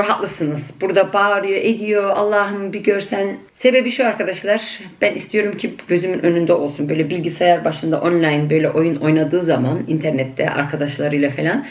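A woman's voice: low voice, reverberant. A woman vlogging at home to her viewers, a mother talking in a chatty, affectionate, teasing way. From Turkey. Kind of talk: casual chat to viewers. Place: family home in Germany.

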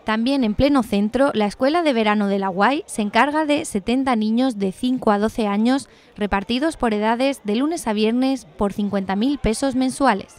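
A woman with a Chilean accent reading a scripted news report in an even, measured way. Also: fairly high pitch.

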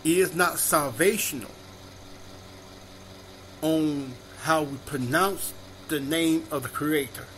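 A male minister delivering a sermon, reading scripture aloud and repeating each verse reference slowly and deliberately. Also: fairly high pitch, fairly bright tone.

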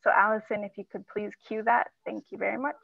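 A woman from Zimbabwe moderating an online conference, talking with many halting fillers over a video call. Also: mid-range voice, fairly even intonation, vocal fry, dry recording. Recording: tinny phone-like line.

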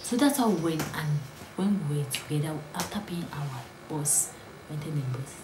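A young woman, telling her own story in a storytime vlog, earnest and often sinking to a hushed whisper. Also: sits low, expressive, moderate pace, background noise. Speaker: vlogger. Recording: roomy echo, faint ambience.

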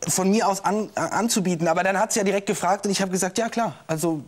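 A man's voice: high-pitched, quick pace. An actor playing a jilted young man on the witness stand in a scripted courtroom show, hesitant and full of fillers, flaring into anger.

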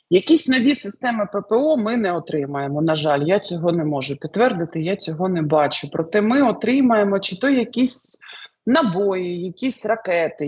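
Woman, husky-voiced and hesitant, musing aloud over predictions. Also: on the low side, a little mellow. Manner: hesitant, many fillers and trailing lists. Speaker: astrologer answering questions. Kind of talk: casual spoken predictions.

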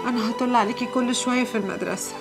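A woman's voice: fairly high pitch, fairly even intonation, very fast, music in the background, close to an everyday voice. An actress with an Egyptian accent playing a betrayed young working woman in a TV drama, given to wailing curses. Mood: weary. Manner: wailing curses when distraught. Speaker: maid in a TV drama. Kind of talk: Egyptian TV series acting.

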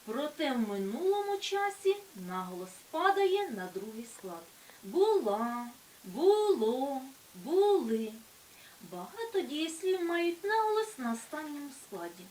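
Woman teacher, high animated voice, emphatic dictation; echoey far-off recording. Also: moderate pace, hardly any pauses. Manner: clear emphatic dictation of example words. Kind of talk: school lesson explanation. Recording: echoey room from far off, faint hiss.

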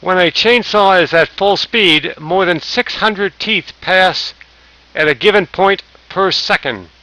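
A man's voice: sits high, slow, pushed and bright, slight background noise, low-quality recording. A man narrating a safety training slideshow, reading lists aloud with small slips and restarts. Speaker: safety instructor.

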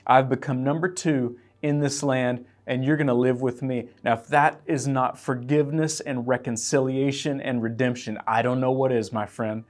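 A man's voice: medium pitch, steady tone, normal speed, hardly any pauses. Earnest man preaching a sermon. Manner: earnest, emotional scripture reading. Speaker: pastor. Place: church.

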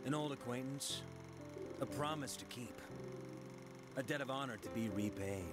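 An actor playing an earnest, cool and terse police hero in a video game. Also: male voice, mid-range voice, moderate pace, lightly acted. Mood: cool, resolute. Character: earnest heroic young male police officer, cool and terse. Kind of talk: animated game cutscene acting. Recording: loud music over dialogue.

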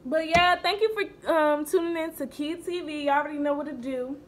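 Higher-voiced young woman hosting a vlog. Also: fairly even intonation, brisk. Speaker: host of video channel. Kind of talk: casual playful vlog chat. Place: home kitchen, indoors. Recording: clear room noise.

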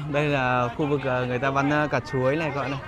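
A man's voice: mid-range voice, fairly even intonation, quick pace. A man giving casual, hesitant walking-tour commentary as a vlog host, searching for words at an outdoor market. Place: busy outdoor market and street. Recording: noisy outdoor market ambience.

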